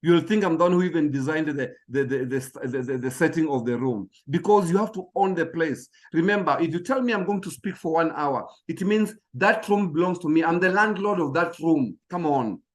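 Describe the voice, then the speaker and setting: This motivational speech on public speaking comes from a man with a high, expressive voice, moving briskly with few pauses. He hammers home key phrases and keeps stumbling over minor words as he pushes on.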